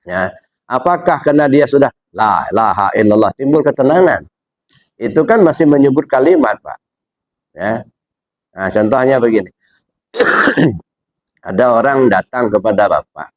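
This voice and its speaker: A man giving a religious study lecture, asking his listeners rhetorical questions and jumping up in pitch to stress his points. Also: animated, measured pace, pauses often, no echo, highs cut off. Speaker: Islamic religious teacher.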